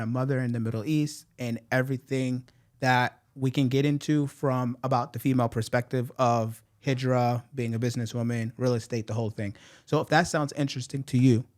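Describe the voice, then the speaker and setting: An American man hosting an interview podcast, upbeat and quick in bursts, with frequent fillers. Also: mid-range voice. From United States. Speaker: podcast host.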